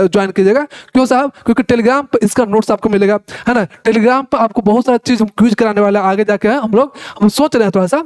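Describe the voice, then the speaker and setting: Male Sanskrit tutor, high voice, dry close sound, chatty and repetitive lecture style. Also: no echo. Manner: chatty, keeps asking "है ना" and addressing listeners as "भाई साहब"; repeats words while explaining. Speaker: Sanskrit teacher for Ayurveda students. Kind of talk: casual explanatory lecture.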